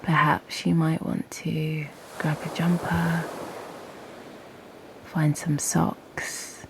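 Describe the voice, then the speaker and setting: A woman leads a meditation at a very slow, soothing pace, gentle and unhurried, with long pauses. Her low, breathy voice keeps a level tone and often drops to a creaky half-whisper, with some ambient noise in the background.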